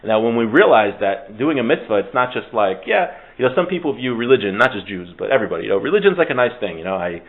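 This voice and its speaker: This man's mid-range voice has lively intonation, and he talks fast with hardly any pauses. In an informal religious lesson on Torah, he's conversational and jokey, breaks off his own sentences, and sprinkles in Hebrew terms, all over thin phone-quality sound.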